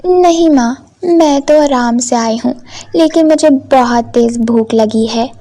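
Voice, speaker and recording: A spoiled young daughter in a cartoon story complains and demands in a high voice, as a woman plays her. She sounds whiny and entitled. The lines come out slowly. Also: dark tone. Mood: demanding. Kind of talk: cartoon voice acting.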